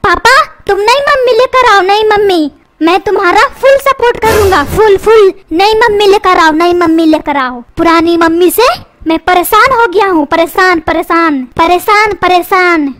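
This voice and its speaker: एक महिला कार्टून में बदतमीज़, मुँहफट स्कूली लड़के की आवाज़ दे रही है, जो पलटकर जवाब देता है।. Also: female voice, extremely high pitch, moderate pace, fairly bright tone. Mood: cheeky. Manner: sassy, talks back, threatens. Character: cheeky rude cartoon schoolboy son. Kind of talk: comedy cartoon dubbing.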